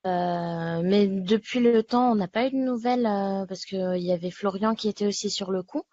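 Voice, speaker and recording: A woman's voice: medium pitch, normal speed, mellow, no echo. A woman joining a livestream by audio-only call, talking casually and hesitantly with many fillers. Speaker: caller joining the stream. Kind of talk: casual chat. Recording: dry, slightly dull call audio.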